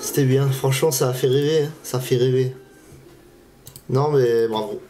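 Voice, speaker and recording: With a medium pitch and steady tone, a man who hosts a fishing channel on YouTube talks at normal speed. He gives laid-back, slangy reactions and laughs a lot, with the reacted video's music audible in the background.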